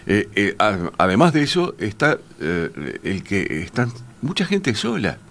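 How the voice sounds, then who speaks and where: This man's voice is on the low side and a bit bright, with huge pitch swings and a slightly slow delivery. He is a university teacher from Uruguay with a Uruguayan Spanish accent, taking part in a panel discussion, and he stumbles through it with frequent fillers, hesitations and fresh starts.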